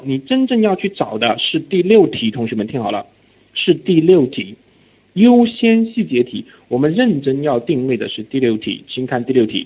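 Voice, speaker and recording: A man teaching IELTS reading in a recorded lecture, animated, often asking whether students follow and dropping English words into his talk. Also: mid-range voice. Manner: mixes English words into speech. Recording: slightly dull lo-fi lecture audio.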